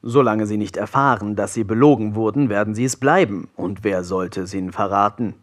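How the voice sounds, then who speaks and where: A man voicing a carefree, scheming pirate captain who talks softly and offhandedly. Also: brisk, natural voice. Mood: offhand. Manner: soft, low-key and offhand.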